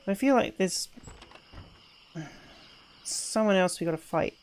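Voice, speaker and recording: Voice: medium pitch, expressive, slow pace, a little mellow, clear, resonant tone. A streamer giving casual, chatty gameplay commentary, thinking aloud.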